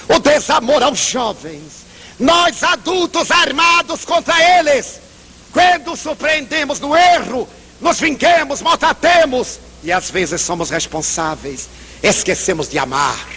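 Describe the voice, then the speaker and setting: A man's voice: extremely high pitch, unhurried. An older man giving an emphatic public lecture, telling a story and acting out its dialogue. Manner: animated, emphatic, acts out dialogue. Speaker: spiritist lecturer. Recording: reverberant hall with faint hum.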